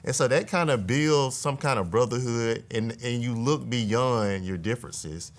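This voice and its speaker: A man in his thirties, a state legislator, talking earnestly in a relaxed conversation and often adding "right?" to his points. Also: mid-range voice, unhurried. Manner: earnest, reflective, tag questions. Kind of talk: casual conversation.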